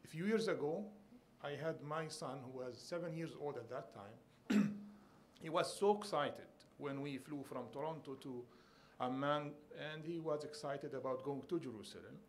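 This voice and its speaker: A man from Bethlehem speaks at a conference panel, recounting a family story in an earnest, gently humorous way. His voice sits a little high for a man. A faint hum of background noise runs under the recording. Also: normal speed.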